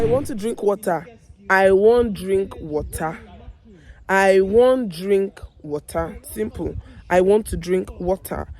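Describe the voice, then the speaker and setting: Teaching everyday phrases online, a Nigerian-accented woman talks straight to her viewers, her voice hoarse and giving out. She has a lowish, darkish voice and repeats each example phrase slowly and with care.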